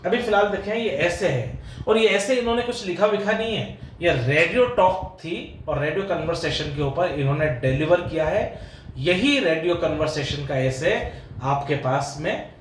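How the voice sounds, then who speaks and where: A man's voice: a little high, expressive, moderate pace. A man with an Indian English accent, an English literature professor giving an exam-prep lecture, patiently explaining and repeating pronunciations. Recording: echoey room with faint ambient noise.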